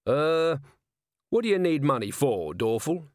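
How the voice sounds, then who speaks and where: A man's voice: a little high, sing-song, unhurried, no room sound, voice pushed up. A man voicing a wry middle-aged male watch commander with a dry, understated way of talking.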